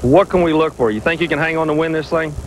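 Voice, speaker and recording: A man's voice: on the high side, fast, low-quality recording. A man working trackside as a tractor pull announcer and reporter. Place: outdoors trackside. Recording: loud outdoor engine noise.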